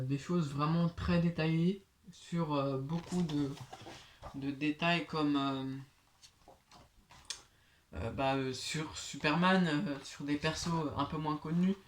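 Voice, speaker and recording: A man's voice: a little high, a little hiss or hum. Young man with a slushy lisp. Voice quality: slushy lisp, s sounds like sh, from braces. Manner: halting, hesitant, filler-heavy. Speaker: host of a comic book collection video series. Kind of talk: casual vlog presentation.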